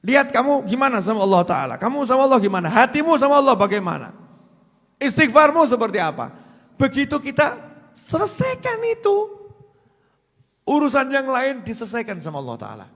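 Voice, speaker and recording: A man preaching a sermon in a lively, joking way, swinging from loud to soft. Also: very high voice, brisk. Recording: long hall reverb.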